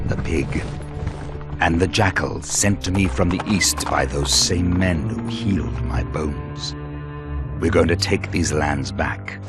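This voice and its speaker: A man playing a vengeful, embittered villain lord in a dramatic game monologue, brooding and deliberate. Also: a bass voice, exaggerated voice. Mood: bitter brooding, then menacing. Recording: loud music behind the voice. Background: loud music.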